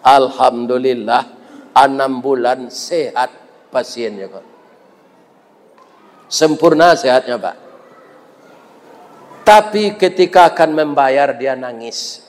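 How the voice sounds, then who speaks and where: A man with a Minangkabau accent preaching a sermon, telling a story with lively asides and jokes for the congregation. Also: mid-range voice, slow pace, pauses often, long reverb tail. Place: mosque.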